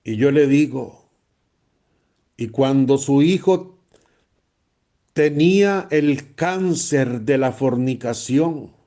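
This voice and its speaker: Slow, blunt priest preaching. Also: male voice, medium pitch, dark tone. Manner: blunt, emphatic, repeats phrases for stress. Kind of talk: sermon.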